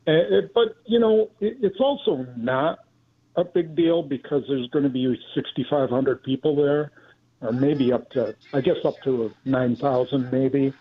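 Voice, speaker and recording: An American man, a sports journalist, answering radio interview questions haltingly over a phone line. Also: mid-range voice. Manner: halting, repeats words as he thinks. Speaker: sports journalist, show guest. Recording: phone-like guest hotline.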